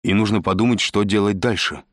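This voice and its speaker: A man doing an urgent, brusque man who snaps out his words. Low male voice with a dry, close sound. Audiobook reading. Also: brisk, no room sound, natural voice. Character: furious soot-covered man, brusque and urgent.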